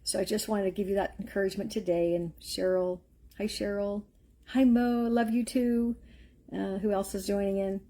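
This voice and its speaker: Husky, mellow-voiced woman giving faith encouragement. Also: mid-range voice, flat delivery, brisk. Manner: earnest, rambling, storytelling with filler words. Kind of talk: live-streamed faith encouragement talk.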